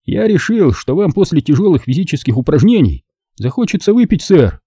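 Unsmiling formal butler, read by a man, raised and husky, politely deadpan. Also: fairly high pitch, fairly quick, no echo, studio quality, pitched above the performer's own voice. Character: deadpan middle-aged male butler, formal.

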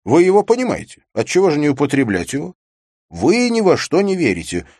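Man doing a high, loud, eloquent debater in a storybook reading: lecturing, sure of himself, husky edge, very lively. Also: fairly quick, no echo, clean studio sound, heavily acted. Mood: confident arguing. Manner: calm, forceful, lecturing. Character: eloquent confident young male debater. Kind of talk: audiobook character reading.

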